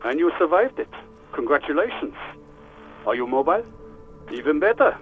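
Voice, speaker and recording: A bored, sarcastic police doctor in a video game, trading dry insults in a slightly high voice. He sounds tinny, as if over a radio line. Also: sing-song, moderate pace, faint music behind. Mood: sardonic. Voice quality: dry, dismissive and sardonic. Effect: radio transmission. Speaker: station doctor.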